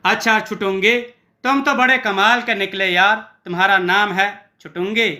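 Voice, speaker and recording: A man's voice: high voice, steady tone, moderate pace, pushed and bright. A man voicing a timid, lazy young cook who frets over every task. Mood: fretful.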